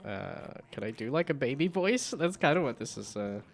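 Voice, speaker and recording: A man's voice: mid-range voice, big pitch swings, normal speed, vocal fry, soft background music. A man streaming a game, chatting casually, laughing often and reading the game's text aloud.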